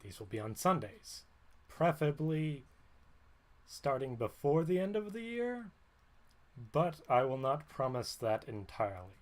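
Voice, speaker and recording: A man's voice: a little high, very animated, a little slow, a little mellow. Guy streaming, chatty rambly monologue, keeps correcting himself, dry jokey tone. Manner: rambling and wry, often stopping to correct himself. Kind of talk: casual livestream monologue.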